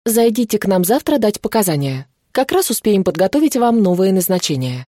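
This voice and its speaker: A woman's voice: medium pitch, big pitch swings, fairly quick, warm tone, no room sound, clean studio sound. A woman voicing a businesslike female witch council representative in a storybook reading.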